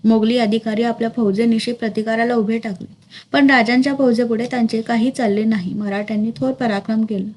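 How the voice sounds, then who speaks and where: A woman's voice: on the high side, fairly even intonation, fairly quick, a little mellow. A woman steadily reading a historical novel aloud as narrator.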